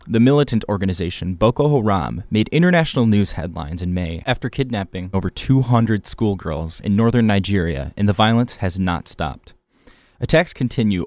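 A young man from Michigan hosting a campus radio interview, asking earnest, measured questions. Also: on the low side, expressive, a little mellow, no room sound. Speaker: radio show host.

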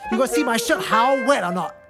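A man's voice: very high voice, animated, brisk, creaky, music in the background, voice pushed up, exaggerated voice. A man voicing an indignant older Singaporean auntie in a story, scolding in Singlish with particles and rhetorical questions.

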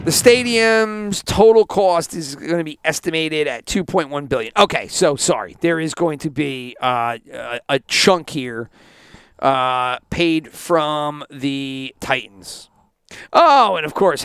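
A man's voice: fairly high pitch, fairly bright tone, clean tone, dry recording, clean studio sound. A man hosting a sports podcast, ranting indignantly and sarcastically, with plenty of swearing. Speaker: podcast host.

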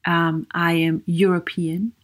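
This is a solo podcast monologue from a female psychologist from Austria, whose accent is Viennese Austrian German. In a lowish, flat voice, she encourages her listeners earnestly, asks them lots of questions, and leans on "you know" to fill gaps.

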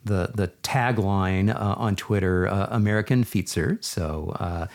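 A podcast host chats effusively and enthusiastically in a casual interview recorded over a video call, repeating words for emphasis. His voice is low, unhurried and darkish in tone, with vocal fry.

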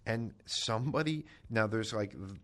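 A man's voice: lowish voice, moderate pace, a bit bright. A man co-hosting a podcast, easygoing and agreeable, chiming in with short affirmations. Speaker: podcast co-host. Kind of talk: casual chat.

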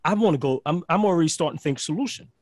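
Speaking very fast in a fairly high voice, a Barbadian man appears as a podcast guest, animatedly telling stories with lots of "like," restarts, and repeated words. The studio audio is clean, without room sound.

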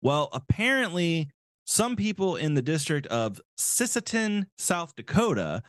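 A male podcast host ranting sarcastically in a casual comedic style, swearing freely. His pitch swings widely with lively intonation, and the sound is dry and close to the mic. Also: measured pace, no room sound.

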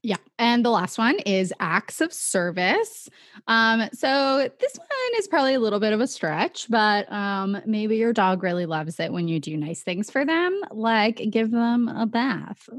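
A woman's voice: mid-range voice, very animated, measured pace, no echo, studio quality. A woman co-hosting a podcast on a radio station, chatting in a lighthearted, casual way. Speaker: podcast co-host. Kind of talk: casual chat. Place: radio studio.

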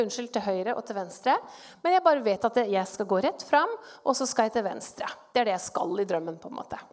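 A middle-aged woman giving a personal faith testimony, telling her story in an animated way and acting out her own thoughts. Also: fairly high pitch. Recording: long hall reverb.

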